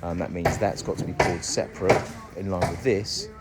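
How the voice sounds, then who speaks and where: A deep-voiced man speaking at normal speed walks through his house build casually, explaining each step in a chatty way full of ums. He's outdoors at the construction site, where loud noise fills the recording.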